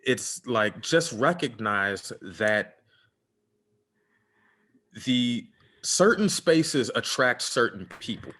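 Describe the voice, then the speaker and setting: A man's voice: medium pitch, expressive, extremely slow, long pauses, a bit bright. A man co-hosting a podcast, giving relationship advice in casual chat with a preachy, earnest manner and lots of fillers. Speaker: podcast co-host.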